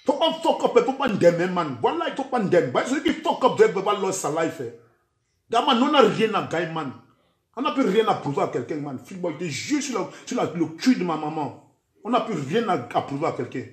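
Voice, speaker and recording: High-voiced Cameroonian man, heated and threatening. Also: very animated, brisk, roomy sound. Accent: Cameroonian French, mixing in Camfranglais. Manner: threatening, heated, keeps repeating "man" and "vrai". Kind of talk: angry rant filmed for social media.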